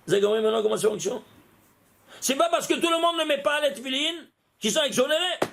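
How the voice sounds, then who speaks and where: A man teaching a Torah lesson as a rabbi, lively and questioning, talking straight to his listeners. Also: very high voice, fast talker, gravelly, a little hiss or hum. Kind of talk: animated Torah lesson with gematria.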